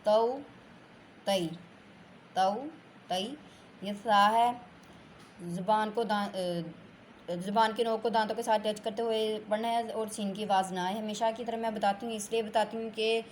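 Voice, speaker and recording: A woman teaching Quran reading in a slow, patient lesson. She draws out her words and repeats syllables so learners can follow. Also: medium pitch, flat delivery, a little hiss or hum.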